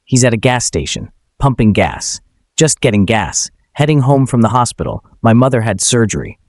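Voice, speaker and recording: A man voicing a middle-aged male judge who stays controlled and measured while being arrested. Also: medium pitch, expressive, darkish tone, dry recording, natural voice. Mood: calm.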